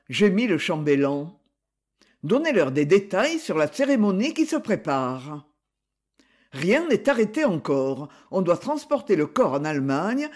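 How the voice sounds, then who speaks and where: Husky, animated male audiobook narrator. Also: high voice. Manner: expressive reading with voiced dialogue. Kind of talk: scripted narration.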